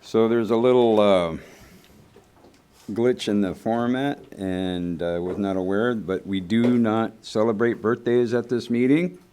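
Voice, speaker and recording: Man, low voice, meeting chair, reads the announcements, offhand asides. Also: fairly even intonation, unhurried, noisy background. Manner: reads a set format, then drops into offhand asides.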